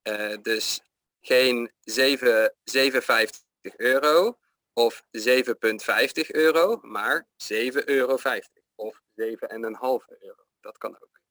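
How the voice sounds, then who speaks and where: A man's voice: medium pitch, slow, sharp tone, no room sound. A man giving pronunciation feedback in casual chat, hesitant and full of fillers. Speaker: pronunciation coach.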